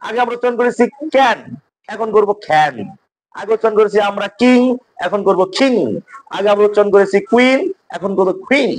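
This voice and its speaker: A man's voice: high-pitched, rough recording. A man with a Bangladeshi accent teaching an English pronunciation lesson, explaining rules step by step with repeated examples.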